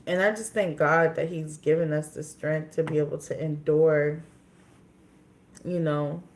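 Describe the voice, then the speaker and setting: A woman's voice: low voice, fairly even intonation, unhurried, a little mellow, slight background noise. A woman in her twenties from Minnesota, chatting casually on a livestream in a candid, rambling way with many fillers and restarts. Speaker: livestream host.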